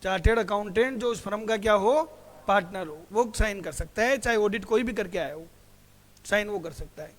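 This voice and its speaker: A man's voice: sits high, moderate pace. A male teacher giving a classroom lecture who keeps asking his students questions, answers them himself, and calls them "beta". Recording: hall reverb.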